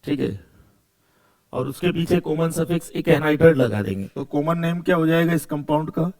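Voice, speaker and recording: A male chemistry teacher, speaking in a somewhat high voice. He keeps asking questions and answering them himself, repeating key words as he goes. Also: moderate pace, a little mellow. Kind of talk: video lecture.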